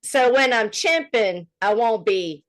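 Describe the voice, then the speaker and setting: A woman co-hosts a livestream, chatting casually, laughing often, and breaking into loud bursts. Her fairly high, expressive voice moves slowly and passes through a streaming mic with heavy compression.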